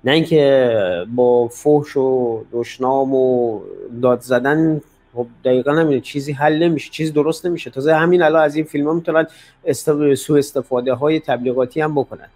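A man's voice: mid-range voice, fairly even intonation, a little mellow. Hesitant male caller. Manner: hesitant, many fillers. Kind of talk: casual call-in talk.

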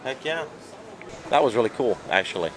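A man's voice: medium pitch, big pitch swings, fairly quick, crowd noise. A man in his forties, a pro angler vlogging casually, greeting fans in a busy hall and later talking in a hotel room, upbeat and fond of saying dude. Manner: friendly, upbeat, says dude and man a lot. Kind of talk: casual vlog chat. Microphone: handheld camera at arm's length. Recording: noisy hall ambience. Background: hall ambience.

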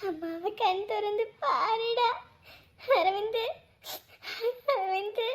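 A woman's voice: very high voice, a little slow, a little mellow. A woman playing a village mother who sobs and wails as she talks. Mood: grieving. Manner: tearful, wailing, sobbing through her words. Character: grieving village mother at her son's hospital bed. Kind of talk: emotional village drama acting.

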